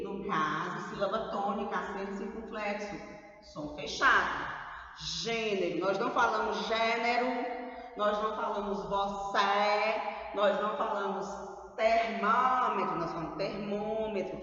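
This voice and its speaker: Brazilian woman, grade-school teacher, slow stressed syllables; dull, hall-like recording. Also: medium pitch, fairly bright tone. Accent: Brazilian Portuguese. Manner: slow, drawn-out stressed syllables, tag questions. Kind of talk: grammar lesson for children. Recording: roomy, far from the mic, dull.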